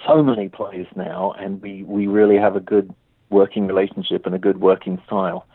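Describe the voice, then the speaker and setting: A man's voice: low voice, animated, fairly quick, gravelly, slightly rough, no room sound. A male playwright being interviewed, speaking thoughtfully with many restarts over a phone line. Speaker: playwright guest. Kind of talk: interview conversation.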